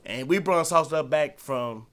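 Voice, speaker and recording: A man's voice: a little high, unhurried, a bit bright. A man, a rapper guest chatting on a radio show in a studio, laid-back and hesitant with fillers. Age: 40s. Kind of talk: casual radio chat.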